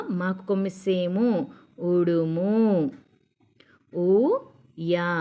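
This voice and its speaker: A woman teaching children to read, spelling words out syllable by syllable in a patient, slow manner. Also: mid-range voice, a little mellow. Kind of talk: reading lesson for children.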